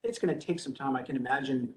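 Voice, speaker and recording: A man's voice: mid-range voice, fast talker, a little mellow. Man chairing a board meeting, echoey room. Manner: loose and conversational, with fillers like "you know". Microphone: video call. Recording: echoey room with faint noise.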